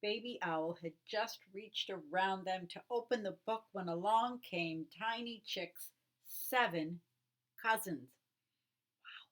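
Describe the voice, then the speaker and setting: Slow, expressive woman reading to kids. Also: medium pitch. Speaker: teacher reading aloud. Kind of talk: children's picture book read-aloud.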